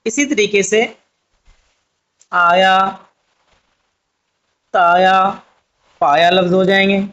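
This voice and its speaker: A man's voice: high-pitched, fairly even intonation, very slow, fairly bright tone, highs cut off. A man teaching Urdu script, patiently spelling out letters one by one. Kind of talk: slow spoken writing lesson.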